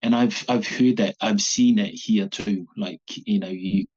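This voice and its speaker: A man in his forties from Samoa, speaking haltingly as a guest in an interview. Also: on the low side, fairly even intonation, darkish tone, breathy edge, highs cut off. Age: 40s. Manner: halting, searching for words. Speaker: guest, abuse survivor. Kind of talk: personal interview.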